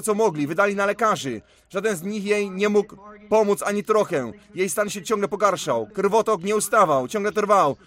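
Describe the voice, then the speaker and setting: A man's voice: high voice, a bit bright. A man preaching a sermon, retelling stories with emphatic, storytelling delivery.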